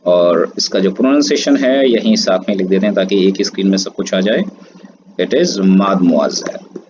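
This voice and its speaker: A man's voice: low voice, a little fast. A man teaches a screen-based language lesson, spelling words out letter by letter and drawing out pronunciations. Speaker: French teacher. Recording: dull lo-fi audio, steady background noise.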